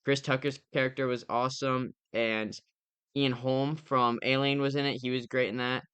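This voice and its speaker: A young man chats through his recent movie picks as a podcast co-host, opinionated and rambling with plenty of fillers. His voice is bright and crisp. It sits close and dry on the mic. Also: mid-range voice, level tone, normal speed, no room sound. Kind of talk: casual movie review chat.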